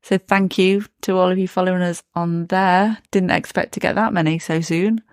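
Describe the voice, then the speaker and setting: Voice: medium pitch, steady tone, normal speed, clean tone, no echo, clean studio sound. A podcast co-host chatting casually about their show and music news, laughing often. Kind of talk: casual chat.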